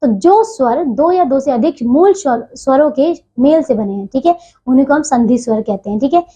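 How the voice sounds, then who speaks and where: High-voiced woman teaching children. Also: animated, dark tone, breathy edge. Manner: repeats "ठीक है" as a check-in, slows to spell out sounds. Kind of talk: classroom grammar lesson for children. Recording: dull lo-fi audio.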